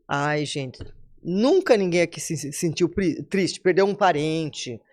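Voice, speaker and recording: A woman's voice: low-pitched, animated, a little slow, a little mellow. A woman in her seventies with a Brazilian accent, a podcast guest giving a motivational talk and addressing listeners directly. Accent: Brazilian Portuguese. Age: 70s.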